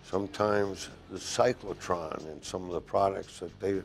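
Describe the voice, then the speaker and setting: A man in his sixties, a welding instructor, answering interview questions in a classroom with measured, deliberate phrasing and a lapel mic. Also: low-pitched, fairly even intonation, creaky, a little hiss or hum. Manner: measured, deliberate, listing points with pauses. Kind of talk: interview answers to a program video. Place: classroom, indoors.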